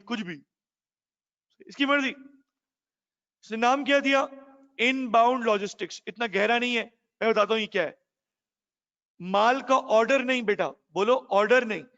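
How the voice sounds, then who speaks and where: A male teacher lectures a class in a high voice. He keeps putting questions to his students and calls them "beta". The sound is muffled and rings with a long reverb. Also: normal speed, pauses often, a bit bright.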